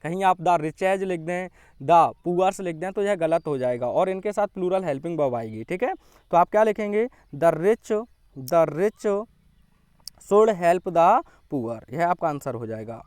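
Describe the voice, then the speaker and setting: A man teaching an English grammar lesson, quizzing his students and slowly dictating the sentences. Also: high voice, animated, darkish tone, smooth, dry recording.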